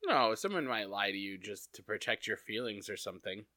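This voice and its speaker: Bright-voiced man chatting about a cartoon. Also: on the low side, lively intonation, fairly quick, no echo, studio quality. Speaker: podcast co-host. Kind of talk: casual chat recapping a cartoon episode.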